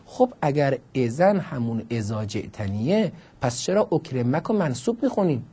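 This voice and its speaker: A man's voice: mid-range voice, very animated, mellow, husky. A man teaching Arabic grammar in a classroom lecture, explaining the text line by line with questions and emphatic stresses.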